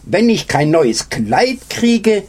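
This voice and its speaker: A man voicing a vain peacock in a read-aloud animal story, speaking insistently in a husky voice. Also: high voice, very animated, takes it slowly, a little mellow, pitched above the performer's own voice, full character voice. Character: vain peacock fussing over his new dress.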